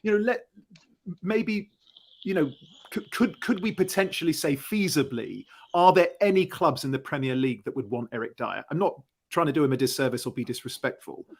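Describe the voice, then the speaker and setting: A man with a slightly high voice chats about football as a podcast panellist. He is emphatic, working through his points aloud and often turning them into rhetorical questions. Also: lively intonation, brisk. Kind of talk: casual football discussion.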